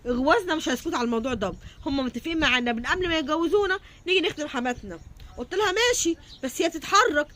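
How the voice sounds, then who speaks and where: A woman's voice: high-pitched, animated, very fast, a bit bright. A woman with a rural Egyptian accent telling a personal story in a casual, indignant way, acting out the dialogue of the people in it. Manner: indignant, repetitive, quotes others in dialogue.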